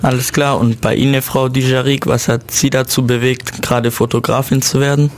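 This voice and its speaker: A man's voice: medium pitch, little pitch movement, fairly quick, slight background noise. A man interviewing guests on the radio, asking brief formal questions. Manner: brief, formal, repeats "alles klar".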